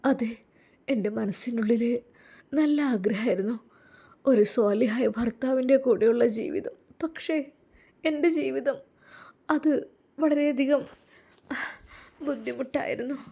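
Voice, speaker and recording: A woman voicing a lonely, orphaned young bride who speaks in a hesitant, halting, soft way. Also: a little high, husky, voice pushed up. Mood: tearful. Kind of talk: audio story drama.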